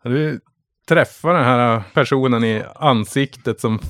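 A man's voice: mid-range voice, fairly bright tone, no echo, clean studio sound. A man narrating a tabletop role-playing game as game master.

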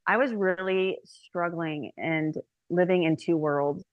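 A woman in her thirties, a guest speaker telling her personal faith story on a podcast, chatty and animated, with many fillers. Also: fairly low pitch, slow pace, dry recording, narrow, tinny audio.

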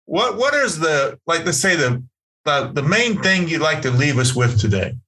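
A man's voice: on the high side, very animated, moderate pace, sharp tone, rough recording. A man hosting a faith video meeting, encouraging and affirming, with fillers and restarts, on a video call. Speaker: host.

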